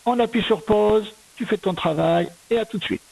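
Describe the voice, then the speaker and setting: Here a primary school teacher speaks at medium pitch, her tone darkish, creaky and a little rough. Slowly and patiently, she breaks words into syllables for a young child learning to spell. It's a recorded reading lesson with poor audio.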